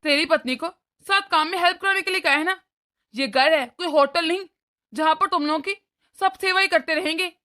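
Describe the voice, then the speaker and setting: A woman's voice: very high voice, fairly quick, sharp tone. A woman voicing an irritable elder son. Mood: arguing. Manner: complaining, argumentative. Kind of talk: cartoon story voice acting.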